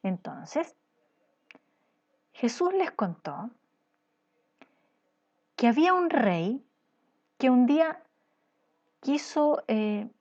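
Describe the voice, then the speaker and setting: A woman's voice: fairly high pitch, big pitch swings, very slow, long pauses, darkish tone, lo-fi sound. A woman teacher telling a parable to children in a patient, questioning storytelling style.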